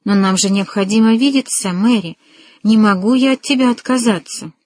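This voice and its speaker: A woman's voice: mid-range voice, normal speed, darkish tone, no echo, voice pushed up, natural voice. A woman voicing an earnest, ardent young man in an audiobook, speaking tenderly and resolutely.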